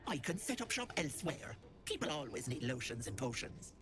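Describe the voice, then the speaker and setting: A woman's voice: very deep voice, sing-song, brisk, fairly bright tone, soft background music, heavily acted. An actress voicing a scheming old hag witch in a video game, sly and honeyed, calling people dearie. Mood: scornful.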